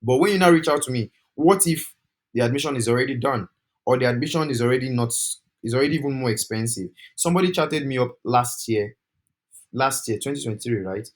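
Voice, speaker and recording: A young Nigerian man with a Nigerian accent, giving an animated, persuasive talk on a group call and slipping into pidgin. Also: mid-range voice, fairly quick. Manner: animated, switching into pidgin, preachy. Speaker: study-abroad agent.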